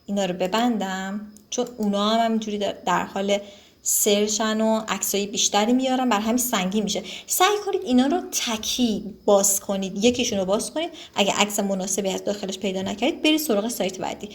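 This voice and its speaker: A woman giving a casual screen-recorded software tutorial, relaxed and chatty, with frequent fillers and self-corrections. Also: medium pitch.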